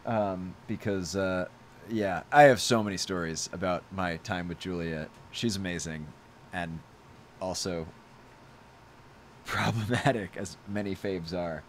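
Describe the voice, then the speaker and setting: A man's voice: low voice, steady tone, slow pace, a little hiss or hum. A young man casually answering fan questions on a live stream, rambling through stories with lots of fillers and laughs. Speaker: podcast creator hosting a live Q&A. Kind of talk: casual live chat with fans.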